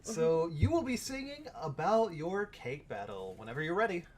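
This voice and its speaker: Lively man hosting an improv game show. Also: on the high side, normal speed, crowd noise.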